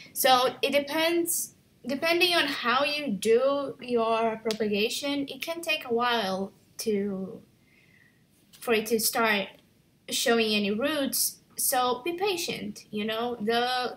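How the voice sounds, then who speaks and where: A woman's voice: fairly high pitch, fairly bright tone. A woman from Brazil explaining plant cuttings in a casual how-to vlog, chatty and self-correcting as she handles her plants at home. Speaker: plant vlogger. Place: home room with plants and a humidifier.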